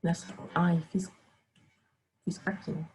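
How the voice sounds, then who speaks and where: A woman's voice: fairly low pitch, flat delivery, slow, a little mellow, a little hiss or hum, rough recording. A woman with a Brazilian Portuguese accent teaching a casual online grammar lesson, chatting with her students.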